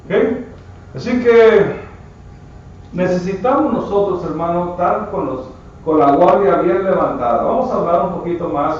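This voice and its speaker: A man's voice: high-pitched, moderate pace, a little hiss or hum. A man preaching a sermon with emphatic delivery, often addressing listeners as brother. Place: church. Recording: echoey church from far off, muffled.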